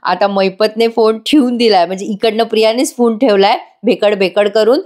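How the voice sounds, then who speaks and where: A woman's voice: mid-range voice, fairly even intonation, moderate pace, darkish tone. A woman hosting a casual recap of a TV serial, chatting to her viewers. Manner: chatty, addresses viewers, laughs often.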